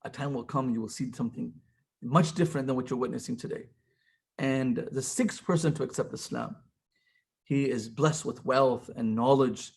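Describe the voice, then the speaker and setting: A man's voice: mid-range voice, normal speed, creaky, darkish tone, breathy edge. A man leading a college Islamic study circle, retelling stories with quoted speech and weaving Arabic phrases into his English. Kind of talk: storytelling religious talk.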